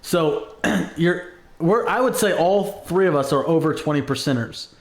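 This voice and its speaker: A man's voice: a little high, lively intonation, moderate pace, roomy sound. A man co-hosting a podcast, joking crudely in casual chat. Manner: crude, joking, loud outbursts. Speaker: podcast co-host.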